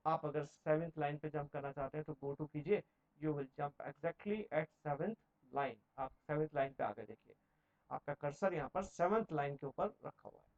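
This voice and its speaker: A man's voice: on the high side, normal speed, darkish tone, muffled recording. A man teaching a computer lesson over a screen recording, explaining each step in a mix of Hindi and English. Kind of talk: screen-recorded software tutorial.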